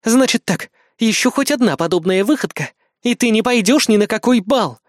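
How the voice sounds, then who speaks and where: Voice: mid-range voice, animated, moderate pace, dry recording, clean studio sound, voice pushed up, natural voice. A reader voicing a tough young female agent in an audiobook, curt and commanding, with a mocking edge. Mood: stern, sarcastic. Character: tough young woman agent, stern and sarcastic.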